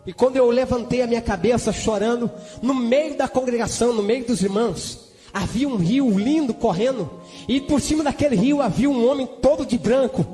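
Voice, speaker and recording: A Brazilian man with a very high voice preaches a testimony in church. He tells it fervently and emotionally, breaking into hallelujahs and speaking in tongues. His voice rings with a long hall reverb, and soft music plays underneath. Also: moderate pace. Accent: Brazilian Portuguese.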